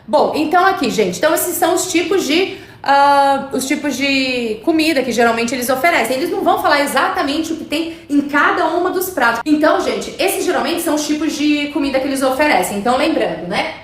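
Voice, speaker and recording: High-voiced chatty woman, very echoey room. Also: expressive, brisk. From Brazil. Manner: chatty, reads viewer comments aloud. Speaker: English teacher. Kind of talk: live-streamed English lesson. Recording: very echoey room with faint background noise.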